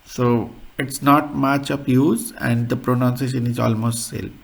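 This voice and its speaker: Slow, careful male language teacher. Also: medium pitch, steady tone, vocal fry. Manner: slow, careful, repeats example words. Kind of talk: slow beginner language lesson.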